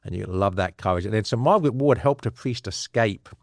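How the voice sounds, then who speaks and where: A man's voice: lowish voice, lively intonation, brisk, dry recording, clean studio sound. A man being interviewed as an author and scholar, telling stories earnestly and conversationally with many restarts. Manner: frequent fillers and restarts, earnest.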